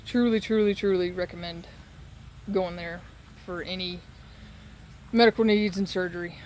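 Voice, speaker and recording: A man talking casually and haltingly in a solo update while recovering from surgery with a sore throat. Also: high-pitched, fairly even intonation, darkish tone, slight background noise, low-quality recording. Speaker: patient giving a recovery update.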